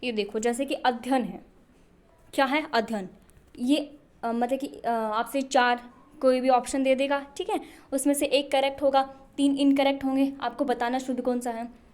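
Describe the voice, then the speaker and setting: A woman's voice: sits high, fairly even intonation, moderate pace, a little mellow. A young woman teaching a Hindi spelling lesson for exam preparation, asking questions and answering them herself. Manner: repetitive questioning, answers her own questions.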